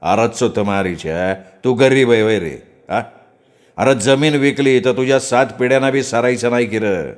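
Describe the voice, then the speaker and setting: A man voicing a flashy, scheming young village rich man who speaks in a slow, coarse, coaxing drawl. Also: medium pitch, lightly acted.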